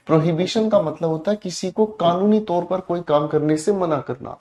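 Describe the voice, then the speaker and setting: Male tutor, fairly high voice, lectures a class, repeats himself, keeps asking "got it?", jumps from loud to soft. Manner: repetitive, addresses students directly, asks check questions; switches between loud emphatic and soft low delivery. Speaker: English teacher.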